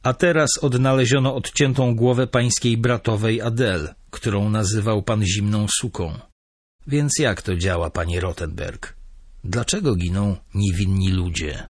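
A man's voice: lowish voice, no echo, studio quality. A man voicing a stern, cool-headed police officer who speaks firmly and coldly. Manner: firm, measured, cold.

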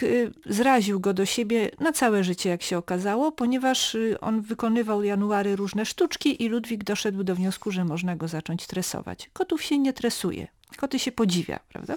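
A woman casually retelling a novel's plot, chatty, pausing on "y" fillers between thoughts. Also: medium pitch, darkish tone, no room sound, studio quality.

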